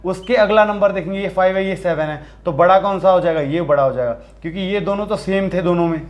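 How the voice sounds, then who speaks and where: A man's voice: sits high, fast talker, dull audio. A man teaching a maths lesson, explaining step by step and asking the class questions as he goes, with frequent restarts and self-corrections.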